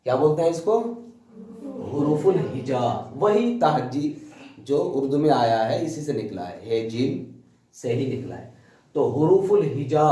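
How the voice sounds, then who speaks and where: A man teaching a class, who explains things slowly step by step and keeps quizzing his students. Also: a little high, mellow. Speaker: tajweed teacher. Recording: echoey room, distant mic.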